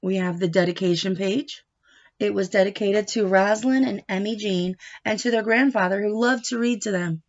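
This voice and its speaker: A woman with a medium-pitched voice leads a picture-book read-aloud for young children as their teacher. Her phrases are short and deliberate; she asks and answers questions to instruct, and reads with expression. Muffled, lo-fi recording.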